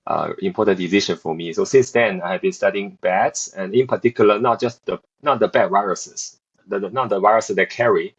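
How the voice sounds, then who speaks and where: This assistant professor and researcher, a man in his thirties from South Korea who grew up in Beijing, speaks in a fairly low, husky voice at a slightly quick pace. The recording's highs are cut off. He responds to interview questions haltingly, full of fillers and false starts.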